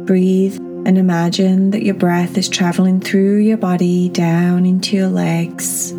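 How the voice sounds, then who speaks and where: Woman doing guided meditation, really slow soft breathy soothing voice, new age music behind her. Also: on the low side, flat delivery. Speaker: meditation guide and podcast host.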